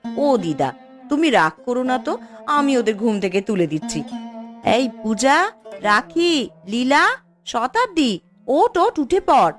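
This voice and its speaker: A woman's voice: high-pitched, big pitch swings, measured pace, pauses often, faint music behind. A woman voicing young village sisters in a cartoon, whiny and pleading. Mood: coaxing. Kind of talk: cartoon voice acting.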